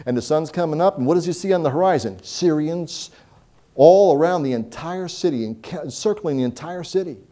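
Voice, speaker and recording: A man preaching a sermon, telling Bible stories with animated voices and reading scripture slowly. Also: fairly high pitch. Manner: animated storytelling, acts out Bible characters; slows down to read scripture.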